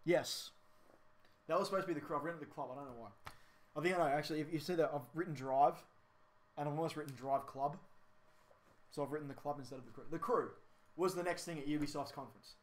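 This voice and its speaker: A man's voice: fairly high pitch, fast, pauses often. A young man co-hosting a gaming podcast in casual chat, rambling with plenty of ums and self-corrections.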